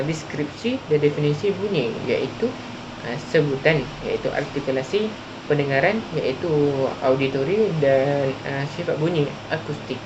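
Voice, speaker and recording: A man with a Malaysian Malay accent reading out an academic presentation carefully and haltingly, like a student presenter. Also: fairly high pitch. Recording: muffled lo-fi, loud hum.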